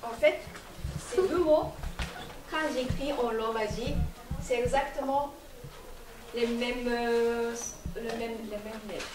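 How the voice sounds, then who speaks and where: A woman teaching a live language class to a festival audience, repeating words slowly so the class can echo them. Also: fairly high pitch, fairly even intonation, background noise. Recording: echoey hall from far off, audience.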